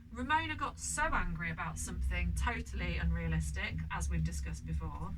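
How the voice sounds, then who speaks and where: A woman who co-hosts a podcast, telling a comedic parenting story with exasperation and the odd swear word. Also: mid-range voice. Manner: animated, exasperated, swears freely. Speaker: podcast co-host and mother. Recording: distant mic with background noise.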